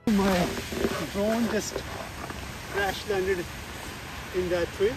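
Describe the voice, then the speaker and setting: A man vlogging casually outdoors as he trudges carefully along an icy trail, talking in halting phrases. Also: sits high, fairly even intonation, loud music behind the voice, low-quality recording. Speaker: hiking vlogger. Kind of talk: casual outdoor vlog narration to camera. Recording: clear outdoor background noise.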